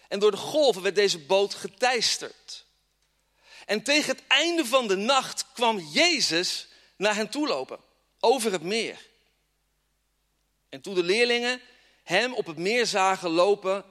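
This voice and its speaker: In a church hall before a congregation, a man with a high, pushed, bright voice preaches a fervent sermon and reads scripture with strong emphasis. The hall gives the recording a long reverb.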